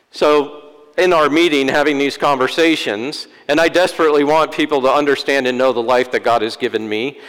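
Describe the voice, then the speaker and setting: A priest delivering a sermon in a church, with wry, self-deprecating humor. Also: male voice, medium pitch, a bit bright. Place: church sanctuary. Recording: long church-hall reverb.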